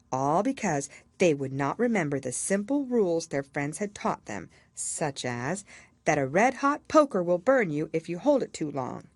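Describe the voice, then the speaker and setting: An audiobook reader, a woman with a low voice, narrates a storybook with expressive, measured delivery and very lively melody. The sound is dry and close, with no echo.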